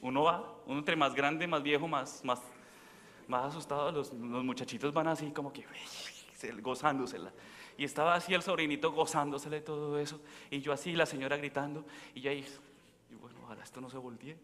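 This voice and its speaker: A man's voice: fairly high pitch, fairly even intonation, fairly quick, a bit bright, a little hiss or hum. A man, a priest, giving a sermon in a conversational way, telling stories and asking the congregation questions. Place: large church. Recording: long church reverb.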